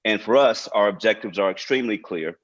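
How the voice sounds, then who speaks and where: A nonprofit director speaks briskly in a fairly low-pitched voice, giving informal prepared remarks to an online panel. The audio comes from a video call and sounds dull and lo-fi.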